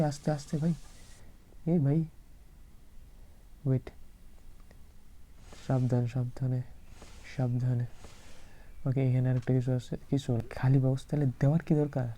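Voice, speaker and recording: Dark-voiced man commenting a horror game. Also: medium pitch, poor audio. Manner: chatty, repeats words in quick bursts. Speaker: gaming channel host. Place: alone in a room at night.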